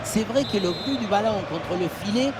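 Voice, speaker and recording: Very high-pitched male football analyst. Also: lively intonation, moderate pace, very noisy. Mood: admiring. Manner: explanatory, admiring. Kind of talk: replay analysis sports commentary.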